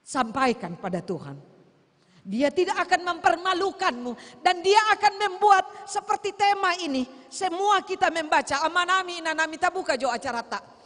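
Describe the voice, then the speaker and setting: A woman's voice: very high voice, expressive, normal speed, fairly bright tone. A woman preacher, exhorting and pleading with her congregation in a sermon. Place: church sanctuary. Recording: long church reverb.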